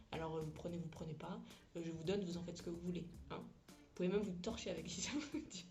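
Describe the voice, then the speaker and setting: A woman's voice: fairly low pitch, darkish tone. A woman English teacher talking casually in a podcast, chatty and frank, laughing often and using crude slang.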